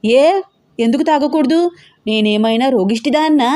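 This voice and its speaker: A woman's voice: a little high, moderate pace, darkish tone, lightly acted. A woman voicing a cranky, toothless old grandmother in a hospital bed who nags and scolds her family. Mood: indignant. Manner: scolding, whining, nagging.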